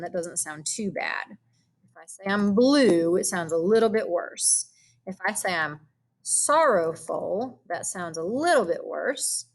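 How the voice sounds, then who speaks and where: A woman teacher talks her class through a vocabulary assignment at an unhurried, deliberate pace. She explains patiently, stopping on soft thinking hums before moving on. Her voice sits at an ordinary middle pitch. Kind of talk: recorded classroom lesson walkthrough.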